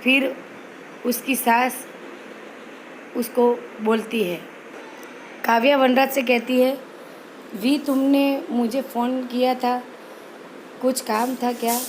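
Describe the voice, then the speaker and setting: A woman's voice: a little high, slow, long pauses, a little hiss or hum, low-quality recording. Woman recapping a serial with restarts. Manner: reads dialogue aloud in a flat, even voice with frequent restarts. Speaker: channel host recapping a TV serial. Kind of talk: casual spoken episode recap.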